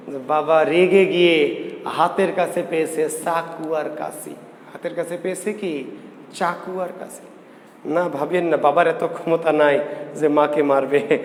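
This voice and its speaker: Male tutor, higher voice, lively quiz-style delivery; roomy echo, faint ambience. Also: a little hiss or hum. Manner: animated, drills students with call-and-response questions. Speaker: teacher. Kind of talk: spoken mnemonic lesson. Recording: echoey room with faint ambience.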